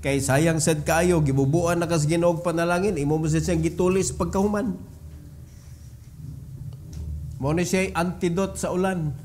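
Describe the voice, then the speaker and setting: A man's voice: fairly high pitch, steady tone, moderate pace, pauses often, darkish tone, slight background noise. A man with a Filipino accent preaching a sermon as pastor, mixing Cebuano and English, reading scripture emphatically and putting questions to the congregation.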